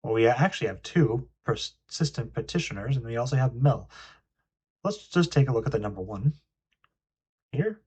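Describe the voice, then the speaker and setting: A man's voice: medium pitch, lively intonation, normal speed, long pauses, a little mellow, slightly rough. A young man hosting a casual card game review, reading card text aloud between frequent ums and uhs. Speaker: card game video host.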